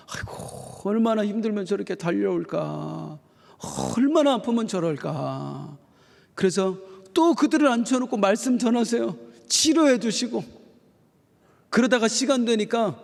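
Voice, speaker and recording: A middle-aged man preaching a sermon as pastor, telling stories in a folksy, animated way. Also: high-pitched, vocal fry. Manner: folksy, animated storytelling with acted quotes. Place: church sanctuary. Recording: long church hall reverb.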